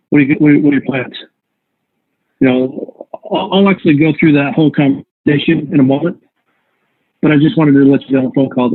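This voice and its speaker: A man's voice: a little high, no room sound. Man teaching over a tinny call. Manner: conversational, rambling with self-corrections. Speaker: real estate investing instructor. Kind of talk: live online workshop teaching. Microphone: video call. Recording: tinny call audio, dry.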